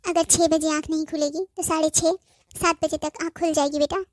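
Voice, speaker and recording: A woman voicing a patient, gently firm cartoon mother-in-law who coaxes softly and keeps saying "beta". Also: sits high, fairly even intonation, brisk, no room sound, studio quality, lightly acted. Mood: coaxing. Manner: soft, coaxing, says "beta" often. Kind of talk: cartoon voice acting.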